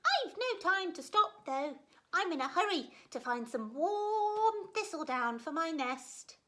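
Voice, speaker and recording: A woman voicing a busy little female mouse with a squeaky voice. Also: big pitch swings, sharp tone, heavily acted. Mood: hurried. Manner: squeaky, hurried.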